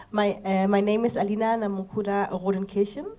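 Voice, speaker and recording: Woman teacher, hesitant, hunting for words, mellow voice. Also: mid-range voice, flat delivery, moderate pace. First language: German. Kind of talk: panel self-introduction.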